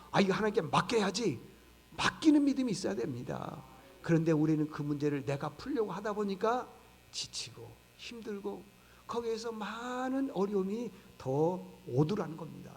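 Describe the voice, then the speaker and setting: A man's voice: high-pitched, a little mellow. A man pastor preaching a sermon, speaking emphatically and acting out the voices he quotes. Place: church sanctuary. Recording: reverberant church hall.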